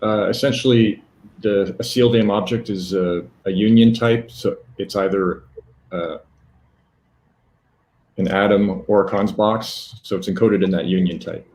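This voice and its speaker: A man gives a live technical demo in a very deep voice. He stops often, filling gaps and correcting himself as he walks through the steps. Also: fairly even intonation, darkish tone, low-quality recording. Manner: halting, many fillers and self-corrections. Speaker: presenter.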